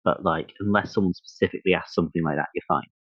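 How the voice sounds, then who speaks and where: A man hosting a podcast in casual chat, thinking aloud in a halting way. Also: sits low, steady tone, no room sound, highs cut off. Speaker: podcast host.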